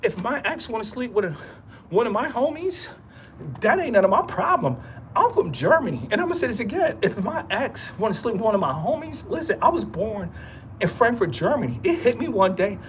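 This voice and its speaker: A man's voice: sits high, sing-song, a little fast, slight background noise. A man giving a rambling motivational monologue in streetwise slang, repeating himself often and laughing into his words. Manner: repetitive, emphatic, streetwise slang. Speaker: vlogger.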